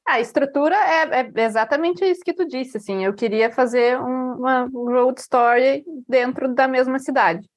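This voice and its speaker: Woman, author in interview, high voice, relaxed. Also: moderate pace, few pauses. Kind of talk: conversational interview.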